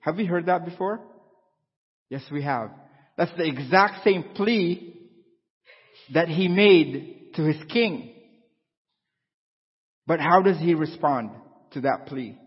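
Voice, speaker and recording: A man's voice: on the high side, lively intonation, slow, pauses often, breathy edge. A man, preaching a conversational sermon and asking his congregation questions. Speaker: pastor. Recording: dull lo-fi sound with long hall reverb.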